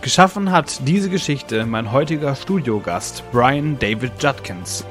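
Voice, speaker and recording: A man's voice: mid-range voice, animated, a little slow, fairly bright tone, soft background music. A man hosting a show, delivering scripted narration to introduce a guest. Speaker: show host.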